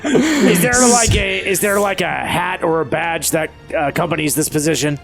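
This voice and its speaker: A man chatting casually as a player in a tabletop game, halting and hesitant. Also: a little high, gravelly, music in the background. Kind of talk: casual roleplay chat.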